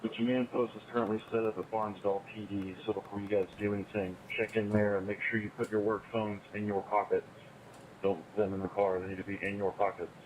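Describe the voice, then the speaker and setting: Male officer on a tinny police radio, low and flat. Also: fast. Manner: clipped radio codes, calm warnings. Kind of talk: terse radio traffic. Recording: tinny radio band, faint noise.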